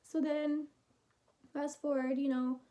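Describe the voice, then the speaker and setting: A young woman in her twenties talks to camera in a rambling, heartfelt vlog. Her voice sits high but sounds soft and mellow, with a casual, chatty flow. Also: flat delivery, slow. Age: 20s. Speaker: vlogger.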